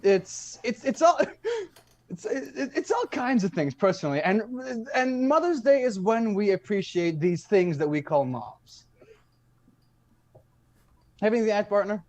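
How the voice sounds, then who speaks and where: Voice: mid-range voice, sing-song, measured pace, long pauses, darkish tone. An improv presenter giving a mock-earnest slideshow talk with lots of stammering repeats.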